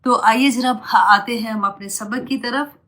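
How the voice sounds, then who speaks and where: A woman's voice: a little high, fairly even intonation. Motherly woman Quran teacher. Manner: gentle, motherly, mixes in English words. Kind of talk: religious advice and course talk.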